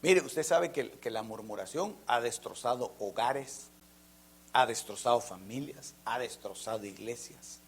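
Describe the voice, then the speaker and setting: A man preaching a fervent sermon, jumping from loud emphatic lines to near-whispers and often addressing listeners as brother. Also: medium pitch, a little slow, creaky, slightly rough. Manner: keeps calling listeners "hermano".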